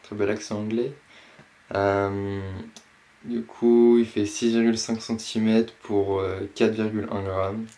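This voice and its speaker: A man casually presenting and unboxing a box of fishing lures, pausing often with fillers. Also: on the low side, little pitch movement, warm tone. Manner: slow, hesitant, many fillers. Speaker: fishing vlogger.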